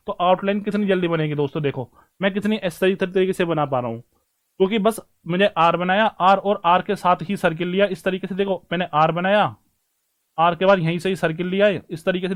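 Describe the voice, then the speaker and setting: This online stenography lesson is taught live by a man whose voice is high and light. Informal and easygoing, he repeats himself often, treats students as brothers and friends, and walks them through writing each shape one step at a time.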